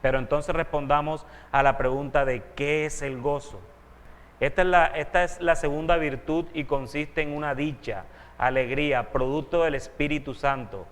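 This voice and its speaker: A man's voice: on the high side, steady tone, moderate pace, in a large hall. A man, a pastor, teaching a sermon earnestly and asking his listeners rhetorical questions.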